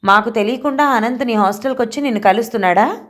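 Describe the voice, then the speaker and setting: A woman's voice: a little high, quick pace, fairly bright tone, voice pushed up, lightly acted. A woman voicing a stern middle-aged mother who scolds in a harsh, cutting, reproachful way, in an audio novel. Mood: scolding.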